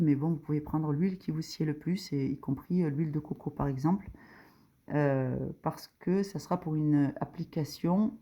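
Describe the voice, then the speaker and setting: Her voice is low and warm as she gives an informal religious lesson walking through a diagram. She explains each step hesitantly, with many fillers, raising her emphasis on the points that matter most.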